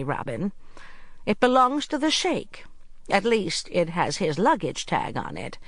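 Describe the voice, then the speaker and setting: A brisk, matter-of-fact older woman spy, as an audiobook narrator puts her on, her lively voice rising and falling with a gravelly edge. She sounds crisp and faintly exasperated, recorded dry and close. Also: mid-range voice, no room sound. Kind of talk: audiobook character reading.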